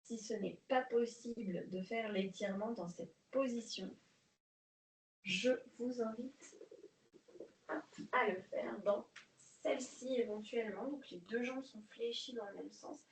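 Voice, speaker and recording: A woman leading a guided prenatal exercise class, calmly counting breaths and giving coaching cues. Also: fairly high pitch, a little slow, distant mic, a little hiss or hum. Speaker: prenatal fitness instructor. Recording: echoey room, voice off-mic.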